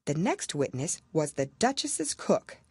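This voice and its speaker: A woman's voice: sits low, very animated, unhurried, darkish tone, slightly rough, no room sound. A woman narrating a children's storybook from a script as an audiobook reader.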